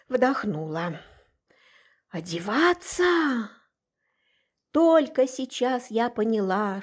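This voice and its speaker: A woman narrating a first-person audiobook in an expressive, measured way. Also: a little high.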